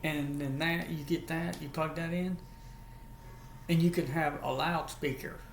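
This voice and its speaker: In an echoey room with faint background noise, a man from Alabama with a Southern accent casually demonstrates and explains an item for a vlog, folksy and repetitive. His voice is on the high side, steady in tone and measured in pace.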